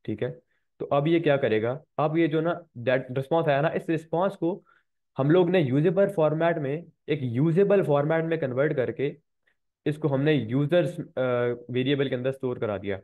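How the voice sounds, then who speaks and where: A man's voice: on the high side, moderate pace. A man with a slightly sore throat teaching a programming lecture, walking students through code step by step and repeating key points. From Pakistan. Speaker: programming instructor. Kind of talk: screen-recorded coding lecture. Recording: tinny phone-like recording.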